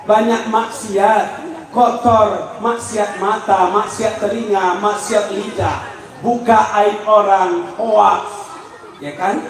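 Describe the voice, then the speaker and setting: A man from West Sumatra preaching a sermon in a mosque, joking, quizzing the audience and shouting key lines. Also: high-pitched, far from the mic. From West Sumatra, Indonesia. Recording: very echoey mosque hall, heard from afar, with audience.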